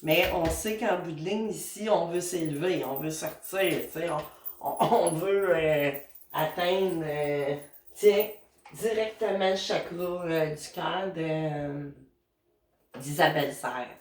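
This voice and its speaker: Québécois woman, unhurried chatty card reader, a bit low, roomy distant recording. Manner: chatty and meandering, many fillers and asides to her spirit guides. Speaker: tarot and oracle card reader. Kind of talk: casual spiritual card reading.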